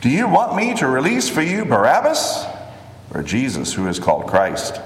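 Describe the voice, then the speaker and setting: Stern Roman governor, read by a man, uneasy judge, measured, lively pitch, echoing hall. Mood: questioning. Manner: measured scripture reading. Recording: echoey hall with long reverb.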